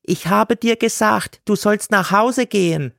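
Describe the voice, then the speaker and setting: A male narrator voicing a sharp-tongued woman running a sausage stand, her voice pushed high and shrill. She scolds in indignant bursts, with a gravelly rasp under the shrillness, in a dry, close recording. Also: measured pace, dry recording. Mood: scolding. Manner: shrieking, indignant outbursts.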